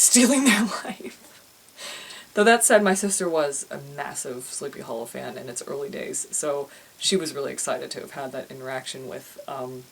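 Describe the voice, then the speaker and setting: A woman's voice: mid-range voice, low-quality recording. A young woman, an author, talking casually to her viewers in a rambling way, often restarting and repeating words. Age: young adult. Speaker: author and vlogger. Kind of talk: casual chatty vlog.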